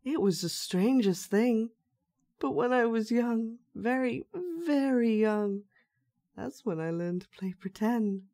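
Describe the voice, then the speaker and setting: Here a woman plays a quietly sinister dollmaker with magical powers, addressing the listener with coaxing, patronizing gentleness in a roleplay monologue. She speaks slowly in a fairly high voice, and the mood feels wistful and eerie.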